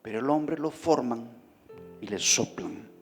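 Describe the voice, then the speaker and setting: A man's voice: medium pitch, animated, unhurried. Man preaching in a reverberant hall. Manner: conversational preaching with questions to the congregation. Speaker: pastor. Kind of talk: sermon. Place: church hall. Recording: reverberant hall with faint music behind.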